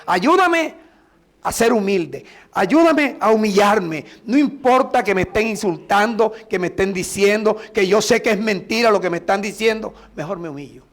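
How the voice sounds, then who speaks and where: A middle-aged man from Colombia, a pastor preaching a sermon with emphatic, drawn-out phrases and prayers. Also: high-pitched, lively intonation.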